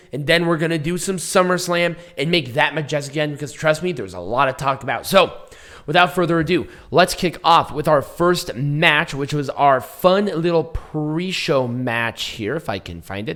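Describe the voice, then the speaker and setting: Male podcast host, voice shot from a night out: hoarse, froggy, squeaky breaks, slightly high, blunt sweary delivery. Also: normal speed, fairly bright tone. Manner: self-mocking, blunt, swearing. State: hoarse, cracking voice after losing it from a night out. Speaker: wrestling review podcast host. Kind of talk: casual chat and match commentary.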